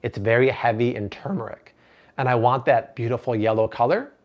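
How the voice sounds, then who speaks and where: Hosting a live cooking stream from his home kitchen, a man in his thirties chats with viewers and reads out their comments. His voice is mid-range and he talks fairly quickly.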